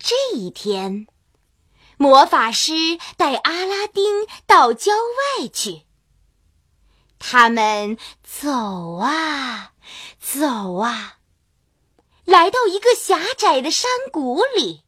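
A woman narrating a children's fairy tale in a slow, sing-song, expressive way. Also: sits high, no room sound. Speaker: storyteller. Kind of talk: scripted children's story narration. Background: loud children's music.

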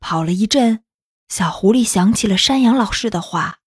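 A woman narrating a children's story in a gentle, unhurried, expressive reading. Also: mid-range voice, slightly rough, no echo, studio quality.

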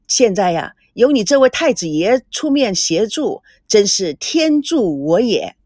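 A woman's voice: mid-range voice, very animated, measured pace, darkish tone, no echo, studio quality. A woman voicing a charming, playful young businesswoman.

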